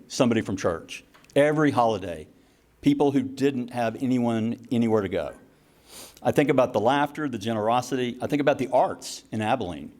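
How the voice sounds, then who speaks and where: A middle-aged man giving a tribute speech for his parents' anniversary at a party, telling family stories with laughs and asides. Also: mid-range voice. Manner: warm storytelling with laughs and asides. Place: party hall with a crowd.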